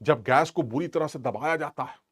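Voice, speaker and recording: A man's voice: fairly high pitch, moderate pace, fairly bright tone, husky. A man teaching chemistry in an informal, scolding, emphatic lecture style. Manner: scolding, emphatic, plays both teacher and student.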